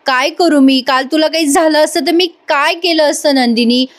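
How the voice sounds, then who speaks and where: A woman's voice: sits high, normal speed, voice pushed up, close to an everyday voice. A woman reading the lines of an anxious, apologetic young husband in a voice-over retelling of a soap episode. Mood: remorseful.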